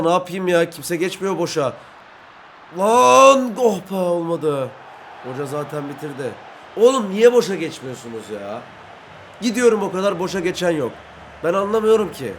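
A young man doing brash, excitable let's-play commentary, talking to himself and his in-game teammates while playing. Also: fairly high pitch, a little hiss or hum. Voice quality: brash, excitable, swings between shouting and muttering. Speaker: gaming YouTuber.

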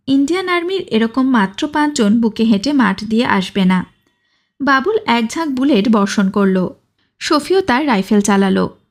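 A woman narrating an audiobook novel in a steady, measured way. Her voice sits a little high. She tells the story in an even, controlled flow.

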